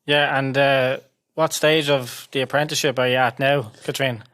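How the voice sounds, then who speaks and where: A man's voice: mid-range voice, steady tone, normal speed, a bit bright. A man co-hosting an interview podcast, reading the intros and asking the guests questions in a friendly way. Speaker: podcast co-host. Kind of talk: semi-scripted podcast hosting.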